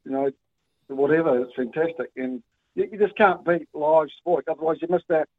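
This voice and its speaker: A man's voice: on the high side, moderate pace, dry recording. A man with a New Zealand accent calling in to a talkback show on his phone's speaker, rambling and colloquial with lots of ums and restarts. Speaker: caller. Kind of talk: casual talkback call. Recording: tinny dry phone line on speaker.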